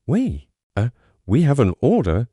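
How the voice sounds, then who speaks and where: A man's voice: mid-range voice, big pitch swings, moderate pace, warm tone, no echo, clean studio sound, close to an everyday voice. A man voicing a blustering male fake cop whose stiff, puffed-up bravado covers his nerves. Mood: stammering.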